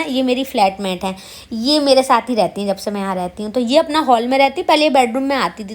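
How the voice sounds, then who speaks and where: A woman vlogger narrating her day in a chatty, self-mocking voice-over, speaking straight to her viewers. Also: high-pitched. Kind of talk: casual vlog voice-over.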